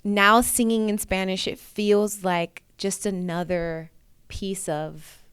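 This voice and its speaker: A woman in her thirties talks casually as a guest in an interview and laughs often. Her voice is very smooth and clear. The sound is dry and close. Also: mid-range voice, flat delivery, takes it slowly, no room sound. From New York, USA. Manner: warm, chatty, laughs often.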